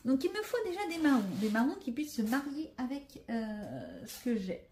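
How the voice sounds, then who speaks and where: A woman's voice: fairly high pitch, very animated, normal speed, background noise. Chatty French woman narrating her coloring. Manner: chatty, thinks aloud, self-mocking. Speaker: coloring vlogger. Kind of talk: casual narrated tutorial.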